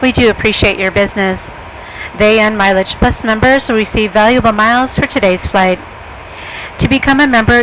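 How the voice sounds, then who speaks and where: A woman's voice: mid-range voice, fairly bright tone, poor audio. A woman speaking as a flight attendant, giving a scripted airline cabin announcement to passengers. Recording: cabin announcement over airplane engine noise.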